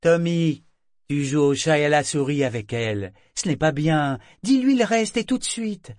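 A man voicing a lively female living ship figurehead with a rich timbre, fond, teasing and energetic. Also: a little high, moderate pace, no echo, studio quality, voice pushed up, natural voice. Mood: protesting. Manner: energetic, chiding.

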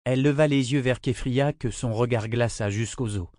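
A man's voice: medium pitch, moderate pace, darkish tone, dry recording, studio quality. A man narrating a novel as an audiobook, reading with voices for each character.

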